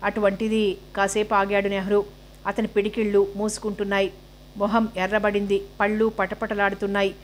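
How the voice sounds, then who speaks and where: A woman reading a novel aloud in steady storytelling. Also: medium pitch, brisk, slight background noise. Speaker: novel reader.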